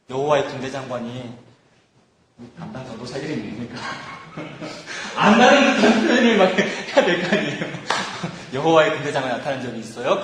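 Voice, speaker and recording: Animated preaching man in an echoey hall. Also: on the high side. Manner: lively preaching, rhetorical questions, acted-out quotes. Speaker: pastor. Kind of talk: sermon. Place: church youth retreat hall.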